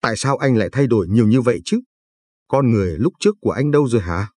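A man reading the part of a desperate young mother who begs her husband in a storybook reading, in his own husky voice. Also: mid-range voice, expressive, darkish tone, no echo. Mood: pleading. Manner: tearful begging, quick.

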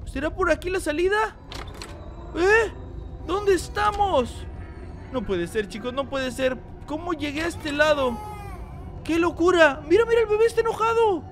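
A woman hosting a let's-play video, playing alongside her young child, who gets excited and shrieks in alarm at the game and talks straight to her viewers. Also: very high voice. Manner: addresses viewers directly. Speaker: gaming channel host.

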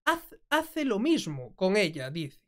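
A woman's voice: mid-range voice, sing-song, slow, a little hiss or hum. A woman hosting a commentary video, translating and reacting to clips in a chatty way, often asking "mm?". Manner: conversational, frequent checking "¿mm?". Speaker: commentary host.

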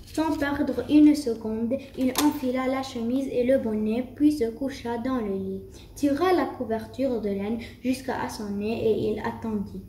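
A woman's voice: a little high, measured pace, dark tone, far from the mic, slight background noise. A woman reading a fairy tale aloud for a school puppet show, with a few restarts. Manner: storybook reading with occasional restarts and fillers. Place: school room. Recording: roomy, faint background ambience.

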